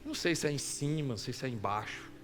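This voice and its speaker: A man with a Brazilian Portuguese accent preaching a sermon as pastor, swinging between soft asides and loud, animated exclamations and acting out short dialogues. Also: medium pitch, quick pace, long reverb tail, soft background music. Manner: acts out short quoted dialogues in his own voice.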